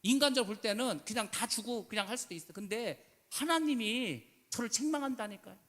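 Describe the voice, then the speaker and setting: A man's voice: extremely high pitch, fairly quick, fairly bright tone. A man preaching a sermon as pastor, emphatic and full of rhetorical questions, slipping into casual speech. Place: church sanctuary. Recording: church hall reverb.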